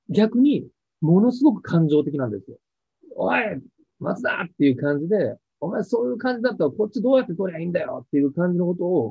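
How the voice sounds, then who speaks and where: A man being interviewed about his acting career, telling stories in a lively way and acting out what others said. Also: high-pitched, breathy edge, no room sound. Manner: lively storyteller acting out quoted lines. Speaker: actor interviewed about a past role. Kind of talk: animated interview chat. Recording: dry, tinny phone-like sound.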